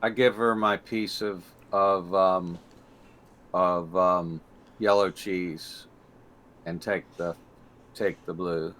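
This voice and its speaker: A man's voice: sits low, fairly even intonation, slow pace, long pauses, a bit bright. A man playing a tabletop role-playing game casually, with somewhat stiff, formal phrasing.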